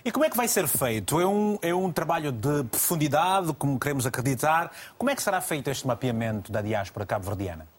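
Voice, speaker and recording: A man hosting a TV talk show, quickly putting questions to his guests. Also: on the high side, big pitch swings. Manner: brisk, prompting guests with follow-up questions. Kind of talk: TV studio interview.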